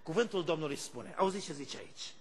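A male pastor preaching a fervent sermon, shifting between shouted praise and quiet storytelling. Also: fairly high pitch, animated, a little hiss or hum.

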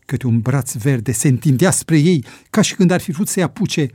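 A man narrating an adventure story in a measured, dramatic audiobook reading. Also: on the high side, lively intonation, dark tone, breathy edge, no echo, studio quality.

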